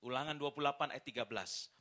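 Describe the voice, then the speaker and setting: A man preaching a sermon at a church service, telling stories in a lively way and often turning to the congregation. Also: mid-range voice, racing. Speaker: pastor.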